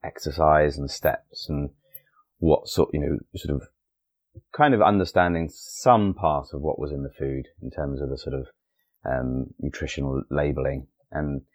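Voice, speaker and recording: Very deep-voiced middle-aged man. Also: steady tone, normal speed. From Essex, England. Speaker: guest, family doctor. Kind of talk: conversational interview answers.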